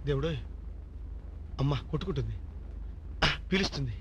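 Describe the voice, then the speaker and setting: A man's voice: very high voice, fairly quick, sharp tone, slight background noise, exaggerated voice. An actor playing a bumbling, panicky young cosmetics salesman in a film comedy, wailing out one exclamation after another. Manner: frantic, full of wailing exclamations.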